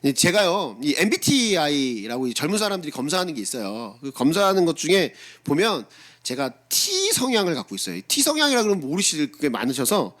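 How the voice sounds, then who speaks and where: A middle-aged pastor preaching a sermon in a high, lively voice that climbs and drops a lot. He talks with his congregation more than at them, firing rhetorical questions and acting out blunt replies of his own. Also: fairly quick. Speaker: senior pastor.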